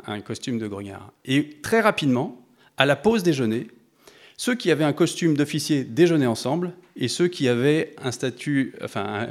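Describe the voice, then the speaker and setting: A man preaching a sermon to a congregation, thoughtful and conversational, often pausing and restarting as he addresses his listeners directly. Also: medium pitch.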